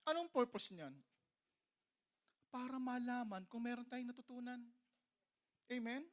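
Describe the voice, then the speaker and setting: A man's voice: very high voice, unhurried. A Filipino man preaching a sermon, telling a funny parable and often asking for an amen. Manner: storytelling, jokey, calls for amens, sometimes shouts.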